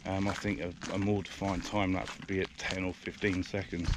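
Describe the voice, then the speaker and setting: British man, low pitch, casual outdoor vlogger, slightly winded, hesitant and chatty, camera mic with noise behind. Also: little pitch movement, brisk. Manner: rambling, hesitant, many fillers. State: out of breath. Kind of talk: casual walking vlog. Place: outdoors in the countryside, walking by a river. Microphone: action camera's built-in mic.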